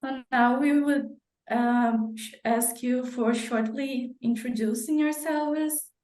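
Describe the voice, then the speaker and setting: Slow, polite young woman student from Brazil. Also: high-pitched, steady tone, a little mellow. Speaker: exchange student, interviewer. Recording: echoey room.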